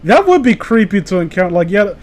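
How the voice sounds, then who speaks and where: Here a man talks fast in a high-pitched, very animated voice. He's one of the hosts of a relaxed comedy podcast about online horror stories, full of swearing, jokes and exclamations, alternating easygoing chat with sneering readings of the material.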